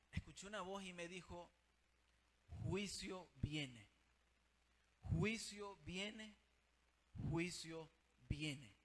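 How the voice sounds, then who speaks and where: A man's voice: sits high, bright, forceful tone, a little hiss or hum. A man preaching a sermon with fervour, speaking straight to his listeners as brother and sister.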